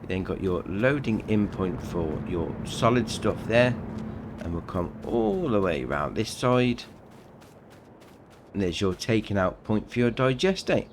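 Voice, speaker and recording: A man's voice: on the low side, big pitch swings, a little slow, noisy background. A man chatting casually through a game mod review, upbeat and saying "very nice" often. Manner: chatty, upbeat, says "right, next up" and "very nice". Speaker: gaming channel host.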